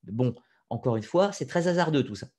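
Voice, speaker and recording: Male lecturer, husky and hesitant, casual, opinionated. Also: medium pitch, animated, fairly quick, a little mellow. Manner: conversational, frequent hesitations, opinionated asides. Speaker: lecturer on occult history. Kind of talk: informal spoken lecture.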